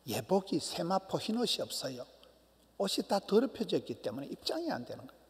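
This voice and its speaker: A middle-aged man, a pastor, preaching a sermon emphatically, swinging from loud cries to hushed near-whispers. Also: sits high, sing-song, a little fast. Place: church sanctuary. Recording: long church hall reverb.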